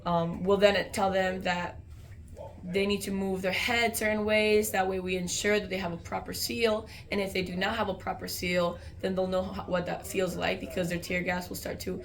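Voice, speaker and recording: Casting: American female soldier, mid-pitched with vocal fry, informal explainer over audible background noise. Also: little pitch movement, moderate pace. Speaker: army soldier explaining training.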